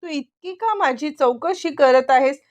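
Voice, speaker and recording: A woman's voice: high voice, a little slow. A woman voicing a young scheming husband who talks in a boastful, sly way.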